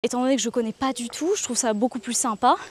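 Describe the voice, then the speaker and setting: Young french woman, travel vlog, reflective, hesitant, fairly high voice, walking outdoors. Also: fairly even intonation, fast talker. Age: 20s. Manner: candid and reflective, many hesitations. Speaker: travel vlogger. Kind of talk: casual confiding vlog.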